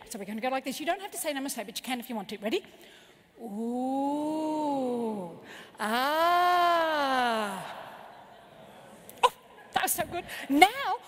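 A woman with a high, lively voice delivers a motivational keynote, swinging through playful stories and coaching the crowd. Her voice carries a long reverb from a big conference hall. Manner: animated, playful, storytelling. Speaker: motivational speaker. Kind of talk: keynote speech to a live audience. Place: large conference venue.

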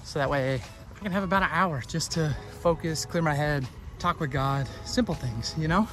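Bright-voiced man vlogging while running. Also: a little high, moderate pace, soft background music. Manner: talking while running outdoors. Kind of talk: casual vlog talk while running. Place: outdoors on a running trail.

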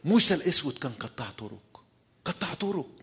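Egyptian male preacher, very raspy voice, repeats and questions the congregation. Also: fairly high pitch, big pitch swings, quick pace, fairly bright tone. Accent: Egyptian Arabic. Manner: repeats key phrases and asks the listeners rhetorical questions. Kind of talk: sermon at a church retreat.

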